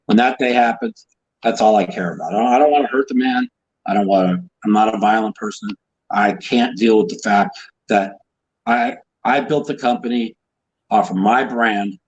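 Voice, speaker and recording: A man's voice: on the low side, darkish tone, slightly rough, lo-fi sound. A man being interviewed as a guest, talking in a heated, emphatic way, swearing often and restarting his sentences. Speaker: guest, professional poker player. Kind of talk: casual interview.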